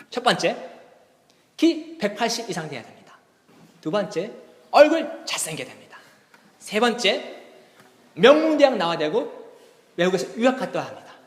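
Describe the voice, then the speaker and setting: A male pastor telling a playful story during a sermon in a church sanctuary, speaking through a pulpit microphone. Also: high-pitched. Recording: reverberant church hall.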